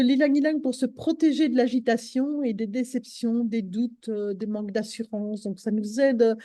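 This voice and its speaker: Woman, casual live-stream chat, halting with fillers, slightly high voice, dry close sound. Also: warm tone, no echo. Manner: hesitant, many fillers and restarts. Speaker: host of a live stream on essential oils.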